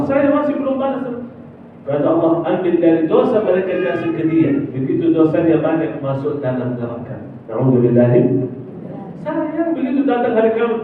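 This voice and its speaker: A man preaching a sermon, telling a story with lively acted-out dialogue and chanted phrases, heard from far off in a mosque. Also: high-pitched, slight background noise. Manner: animated, acts out dialogue, drawn-out chanted phrases. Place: mosque hall. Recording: distant, phone-like, very echoey hall.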